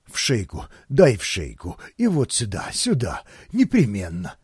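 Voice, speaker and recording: A man's voice: huge pitch swings, unhurried, darkish tone, breathy edge, dry recording, clean studio sound, exaggerated voice. A man playing a blustering old grand duke. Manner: booming, blustering. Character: blustering older male grand duke, a father. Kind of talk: audiobook character voice.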